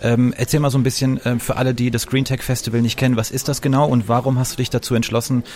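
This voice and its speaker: A man hosting a podcast interview in a station lounge, asking relaxed questions with a few fillers. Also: mid-range voice, quick pace. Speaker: podcast host.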